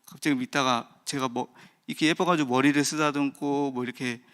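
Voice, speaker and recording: A man's voice: mid-range voice, fairly even intonation, brisk, a bit bright, smooth. A man in his thirties, a pastor giving an early-morning sermon, speaking candidly and personally with many fillers and restarts.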